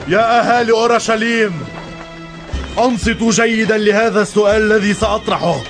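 Commanding Roman soldier played by a man, historical drama, high herald-style proclamation over score. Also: steady tone, fast talker, soft background music, natural voice. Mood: stern, formal. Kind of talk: dubbed historical drama acting.

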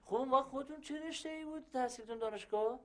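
An actor playing a polite, talkative carpet seller on a family visit. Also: male voice, very high-pitched. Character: chatty middle-aged male carpet seller on a family visit.

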